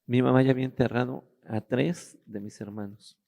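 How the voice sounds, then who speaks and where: A middle-aged man giving a personal testimony, halting and restarting as he searches for words. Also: mid-range voice, steady tone, gravelly, mellow.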